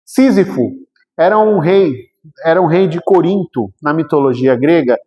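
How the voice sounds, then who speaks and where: A man's voice: fairly high pitch, moderate pace, mellow. A man with a Brazilian Portuguese accent, giving a storytelling lecture in a chatty, colloquial way with humorous asides. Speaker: spiritist lecturer. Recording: reverberant hall.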